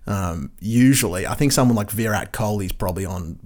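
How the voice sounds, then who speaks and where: Lowish guy cohosting a sports show, matey and slangy, easygoing chat. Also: brisk, darkish tone. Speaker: sports podcast co-host. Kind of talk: casual cricket chat.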